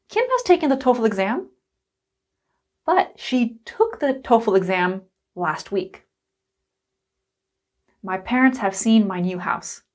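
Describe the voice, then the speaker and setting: Slow, lively-voiced woman teaching grammar. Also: mid-range voice. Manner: slow, deliberate, emphatic explaining. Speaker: English teacher. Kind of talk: recorded grammar lesson.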